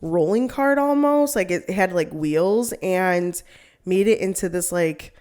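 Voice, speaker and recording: A young woman chats casually as a co-host, rambling through her stories with endless "like"s and quick laughs. Her voice sits a little low for a woman. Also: expressive, a little mellow. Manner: rambling, heavy use of "like", laughs often. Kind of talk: casual chat.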